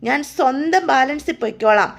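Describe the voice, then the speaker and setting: A drunk, boastful young man, as a woman storyteller puts him on drags out his words in slow, defiant bursts. The voice sits high with a gravelly edge, and he refuses any help. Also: lively intonation. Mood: drunkenly defiant.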